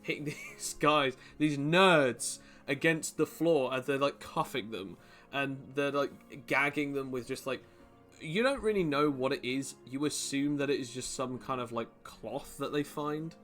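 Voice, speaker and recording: Bright-voiced man running a tabletop game. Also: medium pitch, faint music behind. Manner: laughing, animated, slips into quick character voices. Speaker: game master.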